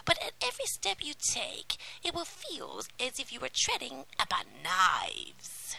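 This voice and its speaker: A woman voicing a scheming old female sea witch in a whispered role-play fairy tale, shrill and drawn out. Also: wildly swooping pitch, measured pace, vocal fry, pushed and bright, a little hiss or hum, full character voice, low-quality recording. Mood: menacing.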